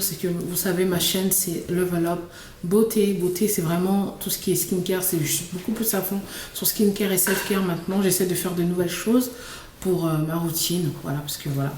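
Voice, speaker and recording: A woman's voice: on the low side, darkish tone, distant mic. Rambling woman vlogger in an echoey room. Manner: rambling, many fillers and restarts. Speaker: beauty and lifestyle vlogger. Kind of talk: casual talk to camera. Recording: echoey room with faint noise.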